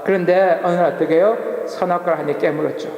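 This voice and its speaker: A man's voice: high-pitched, quick pace, reverberant, long reverb tail, a little hiss or hum. A male pastor preaching a sermon, asking the congregation rhetorical questions and telling stories. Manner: asks the congregation rhetorical questions, lively storytelling. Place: church sanctuary.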